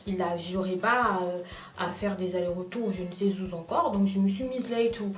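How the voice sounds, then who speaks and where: A young woman vlogger telling a personal story in casual chat, talking straight to her viewers in an animated way. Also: medium pitch, moderate pace, roomy sound, distant mic. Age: young adult. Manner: animated, addresses viewers directly.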